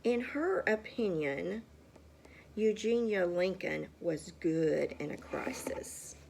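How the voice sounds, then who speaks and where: Woman reading a picture book aloud to a kid, lively voice, chatty asides. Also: lowish voice, slow, vocal fry, slight background noise. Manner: chatty asides, asks the child questions. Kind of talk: casual storytime read-aloud.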